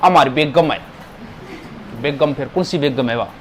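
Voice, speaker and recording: A man's voice: on the high side, normal speed, a little hiss or hum. A male teacher, giving a grammar lesson to a class, asking questions and stressing words.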